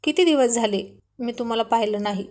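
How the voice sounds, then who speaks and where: A woman's voice: fairly high pitch, a little fast, a little mellow, natural voice. A woman voicing a sulky, loving young wife pleading with her husband in a Marathi storybook reading. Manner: pleading and coaxing.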